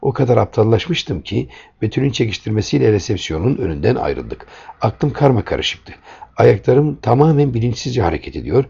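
Gravelly husky man narrating a story. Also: medium pitch, sing-song, normal speed, warm tone. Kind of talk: first-person storybook narration. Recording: dull lo-fi recording.

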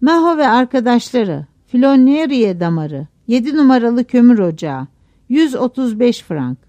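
A woman voicing a male clerk's assistant who calls out names and sums in a loud official tone. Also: on the high side, sing-song, normal speed, dry recording, highs cut off. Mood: calling out.

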